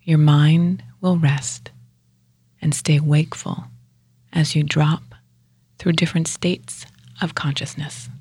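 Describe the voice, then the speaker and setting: A woman teaching yoga nidra guides a meditation in a hushed, measured way, her low, breathy, husky voice often sinking almost to a whisper. She pauses between short phrases, keeps her intonation fairly even, and there's no room sound.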